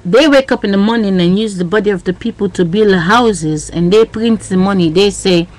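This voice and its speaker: Her mid-range, darkish voice comes at a moderate pace through a webcam's built-in mic on a rough recording. The woman vlogs in an agitated, rambling monologue, saying things repeatedly in broken, non-native grammar.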